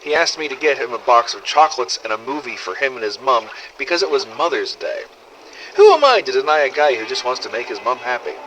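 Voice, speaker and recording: Through faint hiss from an old cassette tape, a cynical, foul-mouthed zombie-apocalypse survivor played by an actor records his scripted audio diary. He is very animated and fast, yet grim and subdued, and his mid-pitched, forceful voice carries sweary, sardonic, world-weary storytelling.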